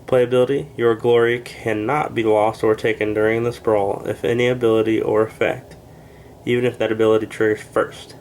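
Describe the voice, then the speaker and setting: A congested man reviewing a board game, reading card text aloud in a plain, unhurried way with casual asides and fillers. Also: on the low side, little pitch movement, a little mellow, slight background noise. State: congested, short of breath.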